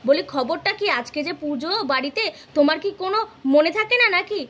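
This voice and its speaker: A woman's voice: very high-pitched, animated, a little fast, a bit bright. Woman playing a scolding bossy housewife.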